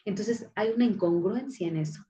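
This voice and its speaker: A woman's voice: mid-range voice, moderate pace, warm tone. A woman giving a psychology class lecture in a conversational way, with frequent fillers and restarts. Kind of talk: recorded class lecture with anecdotes. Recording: dull lo-fi recording.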